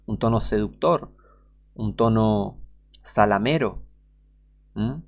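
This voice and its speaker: A man preaching a fiery sermon, scornful and full of rhetorical questions, swinging between loud outbursts and hushed asides. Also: on the low side, slow pace.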